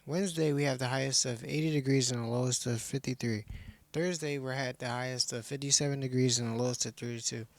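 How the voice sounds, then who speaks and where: A man's voice: medium pitch, fairly even intonation, fast, no echo. A teenage male student presenting a scripted weather forecast for a school show.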